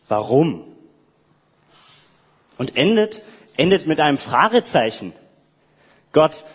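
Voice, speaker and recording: A man speaking directly to God in a reflective, prayer-like monologue, halting and hesitant, with frequent restarts. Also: on the high side, slightly rough, in a large hall.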